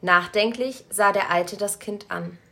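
A woman narrating a story aloud in a calm, measured storytelling voice. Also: medium pitch. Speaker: story reader.

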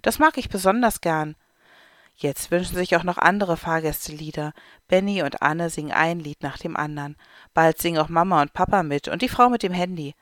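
A narrator reading a children's story aloud in a calm, clear way. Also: medium pitch, fairly quick, dry recording, studio quality. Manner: calm, clear read-aloud delivery with light voices for characters.

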